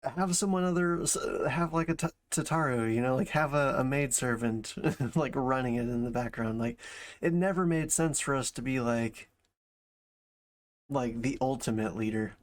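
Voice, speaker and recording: Guy streamer just chatting and reacting, medium pitch, kinda rambly, thinks out loud in bits. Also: normal speed. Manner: rambling, thinking aloud in broken phrases. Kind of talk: casual chat, reaction commentary.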